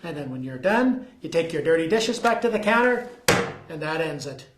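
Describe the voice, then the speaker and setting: A folksy man reads old newspaper items with a joking, easygoing delivery. His voice sits high for a man. The room around him has a noticeable echo. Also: very animated, normal speed, background noise. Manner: folksy, jokey, acts out quotes. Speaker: co-host. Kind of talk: reading old news with banter. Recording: echoey room.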